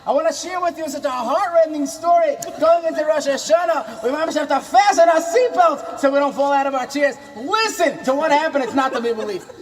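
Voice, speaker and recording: A man doing a comic impression of an impassioned, warm, questioning rabbi, telling inspirational stories with dramatic, preacherly refrains. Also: very high voice, brisk, few pauses, slight background noise. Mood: dramatic storytelling.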